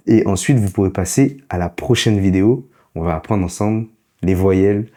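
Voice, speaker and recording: Male teacher, low and mellow voice, slight foreign accent, patient and repetitive. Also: normal speed. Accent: foreign accent in French. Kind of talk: casual spoken lesson.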